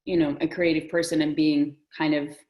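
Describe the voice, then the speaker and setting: A woman's voice: sits low, little pitch movement, moderate pace, highs cut off. A woman from the Soviet Union in a casual film discussion, talking thoughtfully and hedging her opinions. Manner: thoughtful, hedging, restarts often. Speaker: discussion guest.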